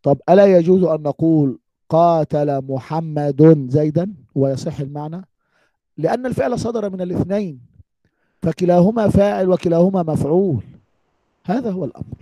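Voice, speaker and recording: A man's voice: high-pitched, animated, brisk, mellow, dry recording, lo-fi sound. A man teaching an Arabic grammar lesson, speaking emphatically and asking the class rhetorical questions. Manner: emphatic, addresses listeners as "my people", quotes scripture.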